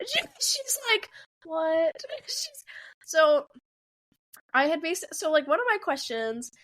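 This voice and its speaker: Her pitch is extremely high, slightly bright, and very animated, though she talks slowly. She's a woman in her twenties co-hosting a podcast, laughing as she wanders through a story in casual conversation and acts out people's lines.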